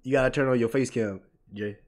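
A man's voice: mid-range voice, fairly even intonation, brisk. A man hosting a live video date stream, teasing and talking in slang. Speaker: stream host. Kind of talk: casual stream banter.

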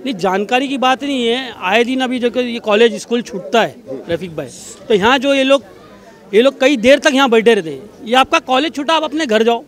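A man's voice: extremely high pitch, animated, brisk, a bit bright. A local man complaining about youths loitering, outdoors on a city street. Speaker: local resident.

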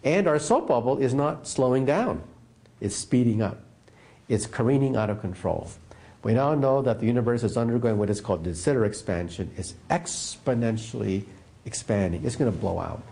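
A man from the United States, a physicist guest in an interview, explaining science as an animated, emphatic storyteller. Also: medium pitch, normal speed, creaky.

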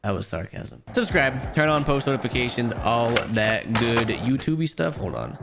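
A man giving casual, jokey commentary while playing a skateboarding game, talking to himself and reacting out loud. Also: mid-range voice, expressive, moderate pace, creaky, background noise. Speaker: gaming YouTuber.

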